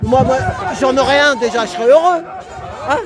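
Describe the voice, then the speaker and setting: High-pitched insistent man amid street noise. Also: a little fast. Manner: insistent, repeats phrases, colloquial. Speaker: live streamer filming street interviews. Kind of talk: animated casual street chat. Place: outdoors on a city street. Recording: loud crowd and music, outdoor street noise.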